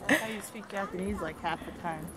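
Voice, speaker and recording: A young woman chatting casually with a friend outdoors, dry and low-key with wry asides. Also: fast talker, fairly bright tone. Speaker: friend along on a vlog. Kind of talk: casual chat. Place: outdoors in a windy botanical garden.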